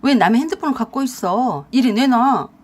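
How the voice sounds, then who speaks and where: A woman voicing a young husband who blusters and defends himself loudly in a radio drama. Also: fairly high pitch, lively intonation, a little fast. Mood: defensive, angry. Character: angry young husband caught out, blustering man.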